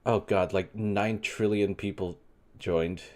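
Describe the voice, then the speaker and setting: A man's voice: lowish voice, steady tone, slow, a little mellow. A man in his twenties from New York, wryly rambling as he reads and answers chat on a live stream. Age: 20s. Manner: wry, rambling, reads chat aloud and reacts.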